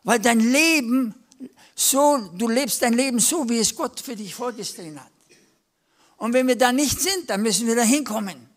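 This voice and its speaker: A man with a high voice delivers a sermon at a church service. He talks plainly and conversationally and weaves in anecdotes. When he quotes people, he briefly acts out their voices. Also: lively intonation, normal speed. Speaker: preacher.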